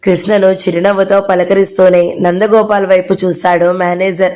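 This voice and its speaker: Flat-voiced woman reading a novel aloud. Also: fairly low pitch, normal speed. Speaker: audio novel narrator. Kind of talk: reading a novel aloud, voicing all characters.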